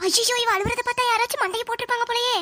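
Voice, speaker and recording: A woman's voice: very high-pitched, steady tone, racing, pushed and bright, a little hiss or hum. A woman with a Thoothukudi accent voicing a scheming, bossy middle-aged village mother in a cartoon. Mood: scolding. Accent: Thoothukudi Tamil. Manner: scolding, exasperated. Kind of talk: cartoon voice acting.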